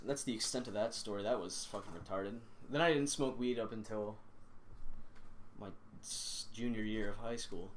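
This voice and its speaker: A man's voice: lowish voice, slight background noise. A young man hosting a casual podcast, telling rambling stories full of swearing and laughing as he goes. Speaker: podcast host. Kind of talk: casual chat.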